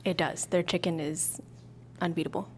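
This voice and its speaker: A young woman with a slightly low voice, bantering playfully on a couple's podcast. She teases her partner and leans into mock-dramatic exaggeration. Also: fairly even intonation, moderate pace, a little hiss or hum. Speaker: podcast co-host. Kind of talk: casual couple chat.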